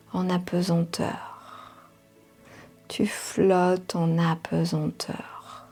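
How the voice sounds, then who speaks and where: A woman leading a guided meditation in a soft, half-whispered voice, soothing, with drawn-out phrases and long pauses. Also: mid-range voice, husky. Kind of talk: slow guided hypnotic meditation. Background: music.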